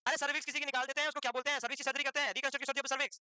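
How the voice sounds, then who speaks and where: A male teacher lecturing his class in a brisk, scolding, teasing way. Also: extremely high pitch, little pitch movement, sharp tone, no room sound.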